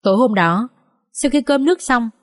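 A woman narrating a dramatic family story in an expressive, measured reading. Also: a little high, no room sound, clean studio sound. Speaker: audiobook narrator.

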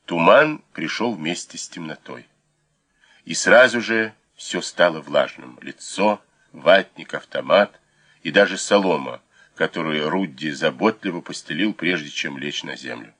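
A man narrating an audiobook in a measured, expressive storytelling manner. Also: deep voice.

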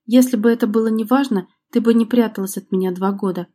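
A bitter, jilted man hurls sarcastic accusations, as a woman reads him in an audiobook. The voice stays mellow and soft-edged even as he taunts and accuses. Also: on the high side, fast talker, natural voice. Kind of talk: audiobook reading.

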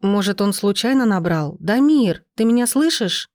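A woman voicing an anxious young woman on the phone, speaking higher and louder than her narration. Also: expressive, moderate pace, no echo, studio quality, lightly acted. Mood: worried.

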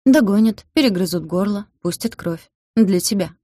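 A woman's voice: medium pitch, animated, moderate pace, warm tone, dry recording, studio quality, close to an everyday voice. A woman voicing a cold, contemptuous young man who protects a girl in a storybook. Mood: grim.

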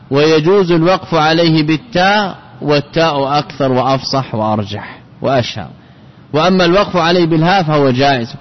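Man teaching grammar in a reverberant hall. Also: a little high. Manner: explains by repeating key phrases and asking the class rhetorical questions. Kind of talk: classical Arabic grammar lesson. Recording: dull lo-fi lecture recording with long hall reverb.

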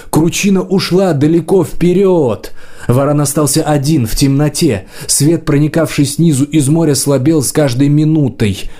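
A man narrating a fantasy audiobook in an even, measured reading. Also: mid-range voice. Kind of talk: scripted narration.

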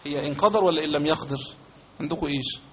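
High-voiced Egyptian man teaching a lesson. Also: rapid-fire. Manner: reads a passage aloud, then explains it with repetition and examples. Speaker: religious teacher. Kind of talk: classroom lesson explaining a legal text. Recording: dull lo-fi recording.

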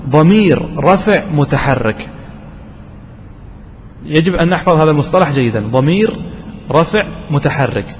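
A man teaching a grammar lesson, quizzing his students and slowing down to stress key terms. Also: on the high side, expressive. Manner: asks students questions and answers them himself. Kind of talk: classroom lesson. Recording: distant voice with long reverb and faint noise.

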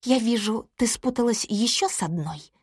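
A woman reading the part of a furious, foul-mouthed woman who shouts insults. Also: on the high side, expressive, normal speed, husky, dry recording, clean studio sound. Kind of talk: audiobook character reading.

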